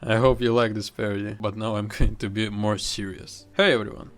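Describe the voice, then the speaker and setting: A man's voice: fairly low pitch, level tone, brisk, slight background noise. A man, reading an earnest, heartfelt personal vlog script. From Kazakhstan. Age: 20s. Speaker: vlogger.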